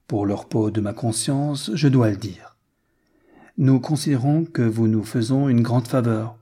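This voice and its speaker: A man's voice: mid-range voice, measured pace, mellow, slightly rough. A man reading the lines of a proud, cold old aristocratic marquise in a haughty, formal way.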